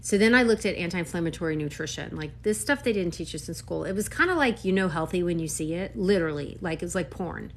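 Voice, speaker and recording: A woman in her fifties, a doctor, talking casually to camera in an animated, emphatic way with quick asides. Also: fairly low pitch, a little hiss or hum. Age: 50s.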